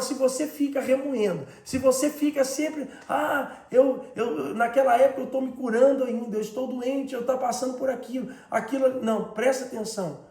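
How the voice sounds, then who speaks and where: A man's voice: very high-pitched, darkish tone, echoey room. A man preaching a sermon as a bishop with a Brazilian Portuguese accent, emphatic and repetitive, firing rhetorical questions.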